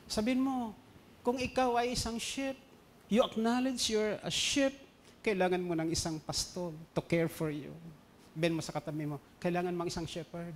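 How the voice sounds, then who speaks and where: A pastor with a Filipino accent delivers a sermon in a high, light voice. He moves between loud, stressed phrases and quiet, hushed storytelling. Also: fairly even intonation, normal speed, slight background noise. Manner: mixes English into preaching, dynamic swings between loud emphasis and quiet storytelling.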